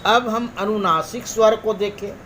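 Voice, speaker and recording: A man teaching a grammar lesson, explaining slowly and deliberately and drawing out each example sound. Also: sits high, steady tone, a bit bright, slight background noise. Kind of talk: classroom lesson.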